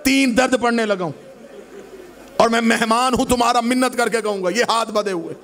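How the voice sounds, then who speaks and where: A man's voice: very high voice, steady tone, brisk, fairly bright tone. A man delivers a mourning-gathering sermon from the pulpit, chanting it with passion that keeps rising toward wailing cries. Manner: impassioned, melodic chanting that swells into wailing cries. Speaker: majlis orator. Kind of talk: chanted Shia majlis sermon.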